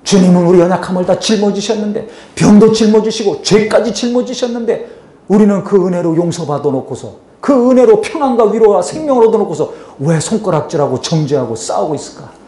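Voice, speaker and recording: A man's voice: high voice, expressive, a little fast, mellow. A male pastor preaching a sermon in church, pressing his points with rhetorical questions and calls to prayer. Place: church sanctuary. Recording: echoey church hall.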